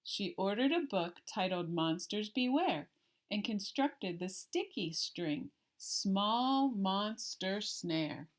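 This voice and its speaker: A woman reading a children's picture book aloud like a teacher, with deliberate, expressive storytelling and emphasis on the rhymes. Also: mid-range voice. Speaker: elementary art teacher.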